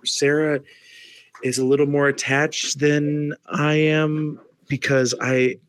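A man who works as a nurse, co-hosting a podcast in casual chat, telling stories in an animated way and acting out exasperated exclamations. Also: a little high, takes it slowly, dry recording. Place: home, dog nearby.

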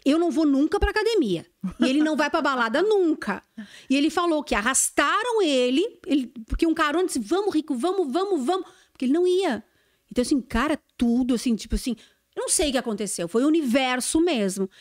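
Woman, high pitch, swooping intonation, casual storytelling podcast guest. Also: fast talker. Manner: animated storyteller who acts out quoted dialogue.

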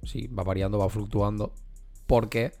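A man's voice: lowish voice, steady tone, a little slow, dark tone, soft background music. A young man, co-hosting a podcast in casual, rambling, profane chat full of fillers and restarts. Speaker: podcast co-host.

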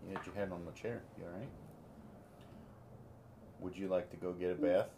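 Brief: hoarse woman, extremely deep voice, calm with a kid, noisy home recording. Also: normal speed. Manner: calm, gentle with a child. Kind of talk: casual home chat. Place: family home indoors.

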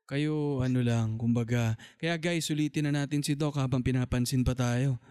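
A man's voice: mid-range voice, steady tone, moderate pace, darkish tone, clean tone. A man hosting a talk show in a playful, teasing casual chat. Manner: teasing, joking, plays skits. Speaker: podcast host.

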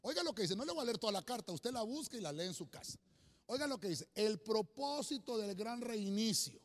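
Animated preacher man in a reverberant hall. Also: high-pitched, fast. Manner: animated, addresses listeners as brother, rambling with restarts. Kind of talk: sermon with slides.

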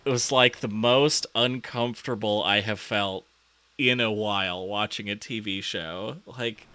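A man co-hosting a casual chat, talking slowly and haltingly with lots of fillers as he reviews a TV episode. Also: lowish voice, bright, forceful tone. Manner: slow, hesitant, many fillers. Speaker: podcast co-host.

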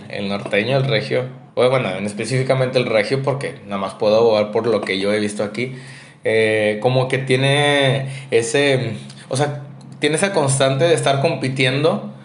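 A man's voice: medium pitch, roomy sound, slight background noise. A man from Nuevo León with a northern Mexican accent, co-hosting a podcast in rambling, slangy casual chat. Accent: northern Mexican (Monterrey). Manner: rambling, slangy, asks questions. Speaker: podcast co-host.

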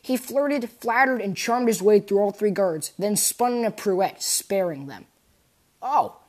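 A woman reading a fan adventure story aloud at a mid-range pitch. She narrates expressively, shaping the scenes like a storyteller. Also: normal speed. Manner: expressive storytelling, voicing characters.

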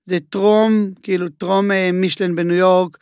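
A man talking as a chef guest in a casual interview. He tells his stories in an animated way and uses a lot of filler words. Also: high-pitched, clear, resonant tone, no room sound, clean studio sound. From Israel.

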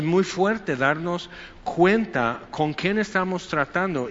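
A man preaching a Sunday sermon in a conversational, animated way, often acting out quoted voices. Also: a little high, slight background noise. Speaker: pastor. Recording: echoey hall, dull lo-fi sound.

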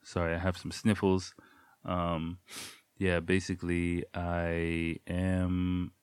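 A man with a low, clear, resonant voice talks slowly and in a monotone on his solo podcast, his nose blocked from a cold. It's late at night at home, and his rambling, casual chat is packed with ums and playful sound effects, with no echo in the recording.

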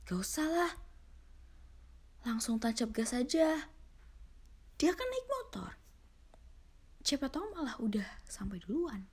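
A woman's voice: sits high, big pitch swings, slow, long pauses, darkish tone, slightly rough, pitched above the performer's own voice, heavily acted. Impatient young guy in a horror audiobook, read by a woman, pushy, casual, grumbling. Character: impatient, grumbling young male traveller in a car.

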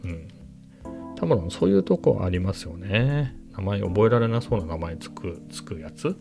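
A man with a low, gravelly voice talks casually in a rambling vlog, now and then sinking into a hushed near-whisper. Clear guitar music plays behind him the whole time. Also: lively intonation, normal speed. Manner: rambling, chatty, sometimes drops to a hushed low voice. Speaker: camera vlogger. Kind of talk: casual chat. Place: at home with family in next room.

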